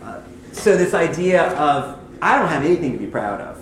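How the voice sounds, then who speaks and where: A man giving devotional teaching on hymn lyrics. He talks in a conversational way and reads scripture slowly. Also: fairly high pitch, big pitch swings. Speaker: Bible teacher. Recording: echoey room, faint background noise.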